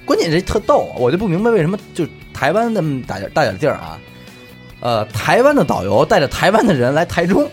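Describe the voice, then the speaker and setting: A man's voice: a little high, wildly swooping pitch, fast talker, soft background music. A man with a Beijing accent telling stories casually and comically, slangy and teasing, often asking rhetorical questions. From Beijing, China. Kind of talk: casual comic storytelling among friends.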